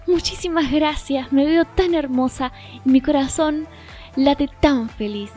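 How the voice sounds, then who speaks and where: Woman putting on a young female pop singer, storybook princess, high and bright, eager, soft music behind. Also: measured pace. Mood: happy.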